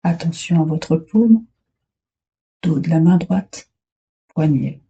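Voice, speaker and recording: A female yoga nidra instructor leads a guided meditation with relaxation instructions. Her voice is very dark, low-pitched, and expressive, with a soft-edged husky tone. She speaks soothingly and without hurry in short phrases separated by long pauses, and the recording is slightly muffled.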